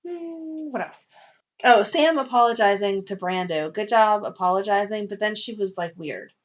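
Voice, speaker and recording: Chatty woman podcast co-host, dull audio. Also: medium pitch. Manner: chatty, opinionated, acts out characters' lines in quick asides. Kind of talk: casual chat.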